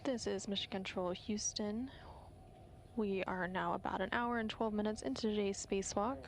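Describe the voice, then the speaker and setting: A woman with a gravelly, creaky voice gives broadcast commentary for mission control. Her pitch stays flat and even, with faint noise behind her. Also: normal speed.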